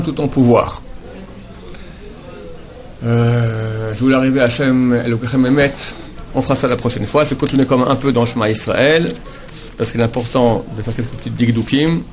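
A man teaching a lesson on prayer, patiently repeating words slowly to model how they should be pronounced. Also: medium pitch. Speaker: Torah teacher.

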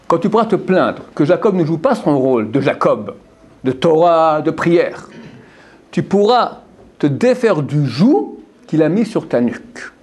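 Male Torah teacher, husky, animated delivery, quizzes the room. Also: on the high side. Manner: repeats phrases, asks the listeners questions. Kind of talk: Torah lesson to a group of men.

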